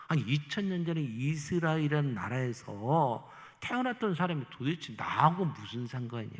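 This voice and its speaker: A middle-aged male pastor giving a testimony sermon, telling his story with animated storytelling and acting out his inner thoughts. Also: mid-range voice. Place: church sanctuary. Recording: long hall reverb.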